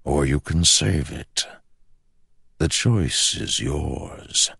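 A man voicing an ancient, menacing male shadow spirit in an audiobook, speaking in a slow, hushed, purring way. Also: very deep voice, vocal fry, slightly rough, no room sound, clean studio sound, full character voice. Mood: coaxing. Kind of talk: audiobook character voice.

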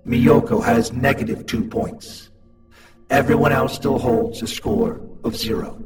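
Creepy calm child monster done by a guy, slow cold orders, sounds far off with music behind. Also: medium pitch. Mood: cold, commanding. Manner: slow, flat, commanding announcements. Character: eerie child monster running deadly games, cold and calm. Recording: distant voice over clear music.

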